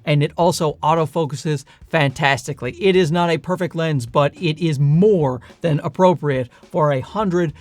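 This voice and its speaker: A man's voice: a little high, normal speed, few pauses, darkish tone, dry recording. A man with a light, leprechaun-like voice gives a chatty, enthusiastic product review with dry, self-deprecating asides. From Newfoundland, Canada. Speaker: camera gear reviewer. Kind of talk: casual product review to camera.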